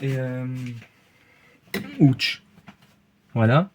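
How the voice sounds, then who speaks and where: A man's voice: medium pitch, drawn-out words, slight background noise. A man with a Belgian French accent reviewing beers in a casual, rambling way, full of fillers, false starts and hesitations, recorded in a room at home.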